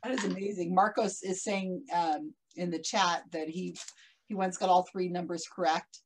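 A woman interviewing a podcast host in a casual chat, relaxed and laughing often as she reads out viewer comments. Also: lowish voice, moderate pace, a little hiss or hum, low-quality recording.

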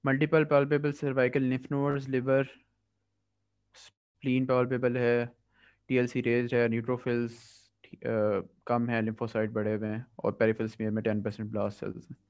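A man's voice: medium pitch, completely flat delivery. Pakistani man tutoring through exam questions. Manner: reads English questions slowly, explains quickly in Hindi-Urdu. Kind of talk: past-paper review lecture. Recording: dull lo-fi audio.

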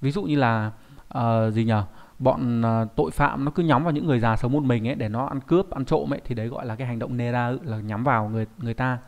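A man teaching an online kanji lesson. He talks in a chatty way, keeps asking rhetorical questions, and says Japanese words slowly and carefully. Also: mid-range voice, darkish tone.

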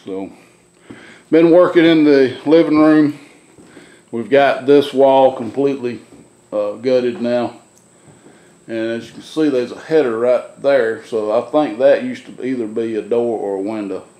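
A middle-aged man speaks in a plain, mid-pitched voice as he walks a handheld camera through bare wooden rooms. His talk rambles and restarts in a relaxed, drawling way. He sounds like a homeowner showing off work in progress. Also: measured pace. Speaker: homeowner renovating his farmhouse. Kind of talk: casual walkthrough narration. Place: gutted old wooden farmhouse rooms, indoors. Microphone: handheld camera, filming while walking.

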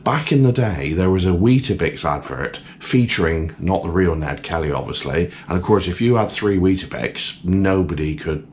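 Jokey deep-voiced man telling stories. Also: lively intonation, normal speed, hardly any pauses, darkish tone, slight background noise. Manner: jokey, rambling storyteller. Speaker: travel vlogger co-host. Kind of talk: casual chat.

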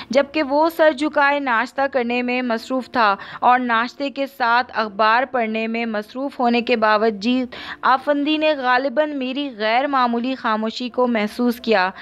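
A woman narrating a novel aloud in the first person, steady and even. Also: on the high side, clean tone, muffled recording. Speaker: audiobook narrator.

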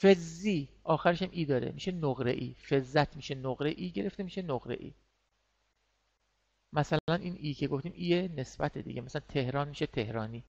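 A male teacher with a slightly high voice walks students through vocabulary, patiently repeating each word and pausing on fillers. The sound is dull and lo-fi, as if heard from an online class recording. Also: vocal fry, darkish tone. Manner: explains words patiently, repeats them, many fillers.

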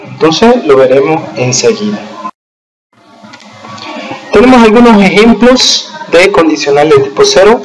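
A man's voice: fairly high pitch, low-quality recording. Patient man teaching English. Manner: patient, explains slowly with frequent "¿sí?" checks; slows down to spell out English example sentences. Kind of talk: recorded remote lesson over slides.

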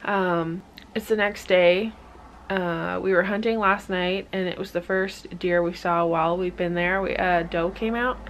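Young woman vlogger, gravelly, chatty and unscripted, quiet hiss behind. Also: fairly low pitch, fairly even intonation, measured pace. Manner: rambling, filler-heavy, candid. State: out of breath. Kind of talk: casual vlog chat. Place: hunting blind outdoors; home indoors.

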